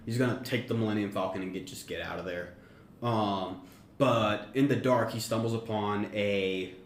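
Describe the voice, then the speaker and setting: Low-voiced man rambling through a story pitch. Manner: meandering, self-correcting storytelling. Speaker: podcast co-host. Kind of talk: casual chat, pitching a story idea. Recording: roomy echo, faint background noise.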